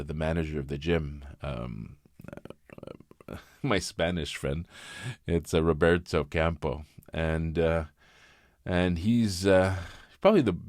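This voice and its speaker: A man in his fifties talking candidly in a personal vlog, reflective and halting, often restarting his sentences. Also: deep voice, no room sound, clean studio sound. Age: 50s. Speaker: vlogger.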